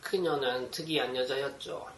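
A man's voice: mid-range voice, fairly even intonation, moderate pace, fairly bright tone, a little hiss or hum, natural voice. A man playing a flirtatious Frenchman who supplies hospital equipment and drops French greetings, recorded from a distance in an echoing room. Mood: matter-of-fact. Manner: flirtatious, casual, French exclamations.

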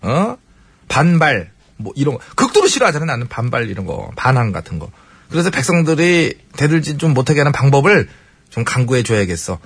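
A man's voice: medium pitch, very animated, a little fast, breathy edge, dry recording. A man hosting a radio comedy show, playing a bossy, pompous king in a skit. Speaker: radio host. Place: radio studio.

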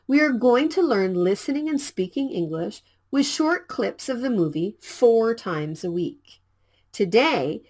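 A woman presenting an English lesson, explaining lines slowly and clearly with lively intonation. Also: mid-range voice. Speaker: English teacher. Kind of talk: scripted language lesson.

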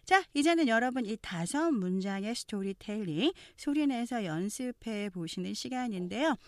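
A Korean woman teaching English pronunciation, explaining phrases and modelling them slowly. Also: medium pitch, no room sound. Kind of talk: language lesson narration.

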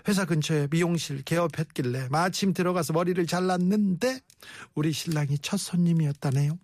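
A man's voice: a little high, brisk, no echo, studio quality. Chatty male radio DJ. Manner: warm, chatty, reacts to listener stories with encouragement. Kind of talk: radio show, reading listener messages.

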